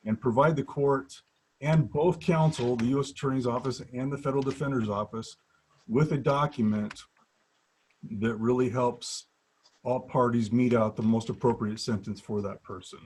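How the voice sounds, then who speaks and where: A man at a mid pitch explains probation work to students on a panel. He hesitates and restarts his sentences as he talks. A faint hiss of noise sits behind him. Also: steady tone, moderate pace, a little mellow, low-quality recording. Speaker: probation officer on a career panel.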